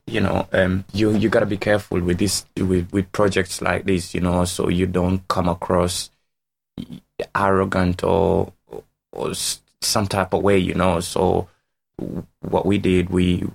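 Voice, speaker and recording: Deep gravelly Ugandan man, tired. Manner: tired, unhurried, many "you know"s. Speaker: musician guest. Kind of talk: casual interview.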